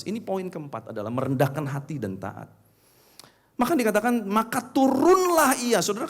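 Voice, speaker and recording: A male pastor preaching an emphatic sermon into a stage microphone in a church hall. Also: high-pitched. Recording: long church-hall reverb.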